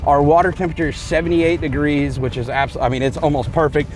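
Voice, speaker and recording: Keen, fairly high-voiced man on a boat. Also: level tone, fast, a little mellow. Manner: enthusiastic, exclamatory. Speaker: fishing show host. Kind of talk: casual on-camera chat while fishing. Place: on a fishing boat outdoors at sea.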